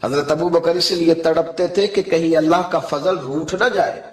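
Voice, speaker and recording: Male preacher, passionate sermon delivery swinging soft to loud, fairly high voice, roomy echo. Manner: impassioned, swings from soft pleading to high emphatic cries. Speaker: Islamic preacher.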